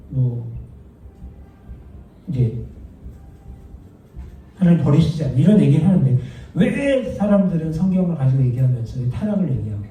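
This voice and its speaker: A man's voice: on the high side, warm tone, a little hiss or hum. A man leading a church Bible study, explaining doctrine in a conversational way with personal stories. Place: church room. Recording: very echoey room, voice from a distance.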